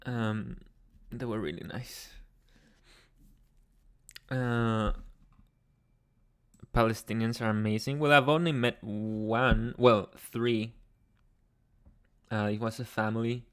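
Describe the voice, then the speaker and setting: A man's voice: lowish voice, fairly even intonation, slow pace, long pauses, a bit bright, clear, resonant tone. A man hosting a casual livestream, reading chat messages aloud and answering them in a chatty, rambling way with frequent laughs. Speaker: ASMR livestream host.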